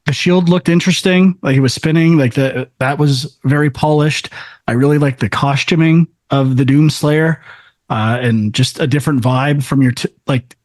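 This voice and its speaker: A man runs through the list on a casual games podcast, his voice sitting a little high. He talks in a halting, chatty way. The sound is dry and close, with no room around it. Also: a little mellow, dry recording. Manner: leads the rundown, halting and chatty. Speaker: podcast co-host. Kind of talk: casual chat.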